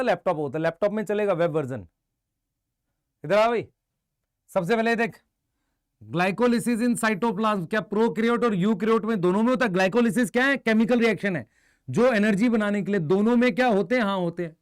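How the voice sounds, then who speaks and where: A man teaching a biology lesson, briskly quizzing his students and answering for them, mixing Hindi with English terms. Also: high-pitched, clear, resonant tone, dry recording, studio quality. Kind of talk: live online exam-prep lecture.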